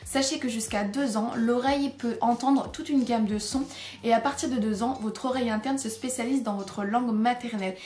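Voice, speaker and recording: A French-speaking woman giving a clear, explanatory video lesson on English listening and pronunciation, demonstrating English words. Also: on the high side, steady tone, normal speed, a little mellow. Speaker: English teacher. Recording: echoey room with faint music.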